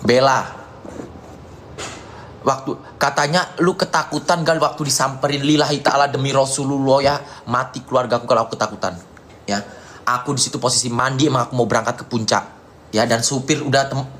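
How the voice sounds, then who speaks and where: An Indonesian man ranting on a live stream, hurling insults and mocking taunts in a repetitive tirade. He keeps answering viewer comments and dropping "ya" between lines, at a mid-range pitch with a faint hiss of background noise. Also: fairly even intonation, fairly quick, fairly bright tone. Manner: repetitive, peppered with "ya".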